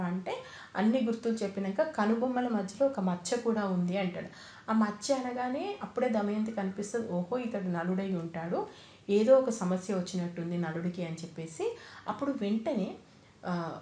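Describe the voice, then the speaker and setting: A woman's voice: medium pitch, a little mellow. Woman storyteller, casual retelling, plain quoted dialogue, echoey room. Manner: conversational, quotes characters in plain speech.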